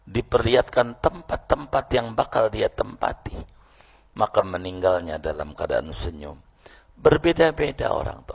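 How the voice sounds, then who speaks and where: Deep, gravelly male preacher; folksy mosque sermon, acts out characters. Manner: folksy storytelling, acts out voices, teasing questions to audience. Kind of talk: mosque lecture after midday prayer.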